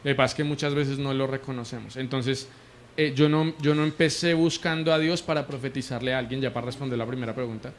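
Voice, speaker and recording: A Colombian man with a Colombian Spanish accent, a prophet appearing as an interview guest, shares his faith testimony conversationally. His medium-pitched voice is flat and fast, yet he is earnest and emotional and often restarts sentences, with slight background noise.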